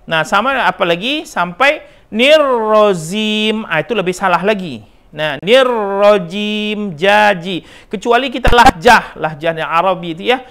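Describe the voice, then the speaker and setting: A man's voice: high voice, expressive, normal speed, a bit bright. A middle-aged man with an Indonesian accent teaches Quran recitation, drawing out syllables to demonstrate and repeating right and wrong forms, with frequent "nah" and "ya" checks. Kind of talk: Quran pronunciation lesson.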